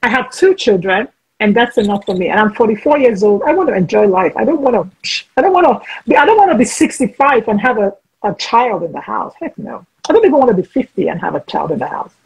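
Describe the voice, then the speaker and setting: A woman's voice: medium pitch, big pitch swings, fast, gravelly, a little mellow, slightly rough, rough recording. A woman in her forties hosting a casual video-call interview, frank and chatty, often restarting her sentences. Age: 40s. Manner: chatty, frank, talks over herself with restarts. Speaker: host.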